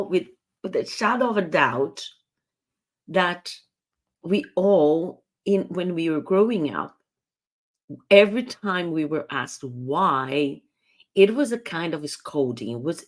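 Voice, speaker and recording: A woman with a low, unhurried voice gives a live coaching talk. She explains things earnestly and often restarts her phrases as she goes. Her delivery is patient and deliberate. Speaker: communication coach.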